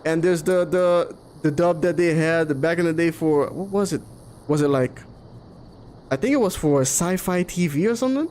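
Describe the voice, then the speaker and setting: Over a noticeably noisy background, a man from the Caribbean island of Curaçao, whose mother tongue is Papiamento, offers casual, opinionated chat while live streaming gameplay. He speaks at normal speed in a fairly high but darkish voice.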